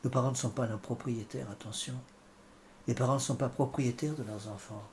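A man preaching a sermon and commenting on scripture, often halting and repeating words with fillers. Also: mid-range voice, steady tone, darkish tone, a little hiss or hum. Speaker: priest.

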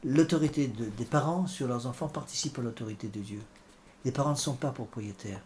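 A man preaching a sermon and commenting on scripture, often halting and repeating words with fillers. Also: medium pitch, darkish tone, a little hiss or hum. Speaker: priest.

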